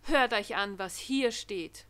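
A woman's voice: mid-range voice, takes it slowly, bright, forceful tone, clean tone. A woman voicing a thoughtful, determined Christ Child in a children's storybook. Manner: earnest, determined.

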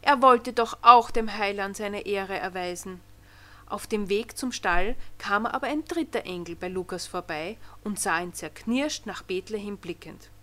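A woman reading a Christmas storybook aloud in an expressive storytelling manner. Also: medium pitch, unhurried. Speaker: narrator.

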